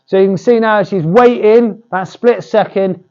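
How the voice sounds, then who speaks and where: Higher-voiced male boxing pad coach, dull audio. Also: unhurried, mellow. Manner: boxing pad coach calling short cues and encouragement. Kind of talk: hands-on pad work instruction, demonstrating drills.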